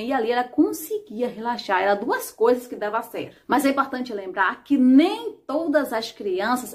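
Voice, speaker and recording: Brazilian mom doing a chill parenting vlog, gentle advice, kinda high voice. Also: female voice. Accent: Brazilian Portuguese. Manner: calm, gentle, advisory. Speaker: mother and channel host.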